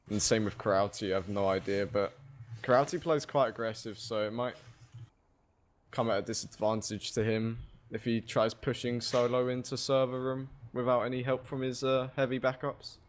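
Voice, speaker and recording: A man's voice: mid-range voice, a little hiss or hum. A man co-casting a live esports match, giving loose analytical takes. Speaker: esports co-caster.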